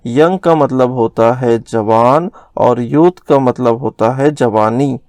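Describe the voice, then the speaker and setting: A young man teaching grammar in a recorded lesson, slowly spelling out words letter by letter. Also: mid-range voice, darkish tone, no echo.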